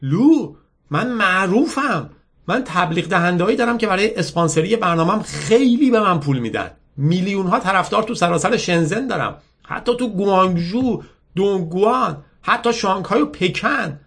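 Man putting on a high confident young woman. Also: lively intonation, creaky, fairly bright tone, husky, full character voice. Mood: boastful.

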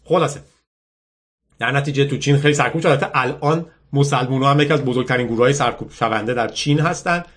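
A man's voice: medium pitch, fairly bright tone. A man reading a novel aloud and breaking off for chatty, wry commentary. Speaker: book reader and podcaster. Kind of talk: audiobook reading with casual commentary.

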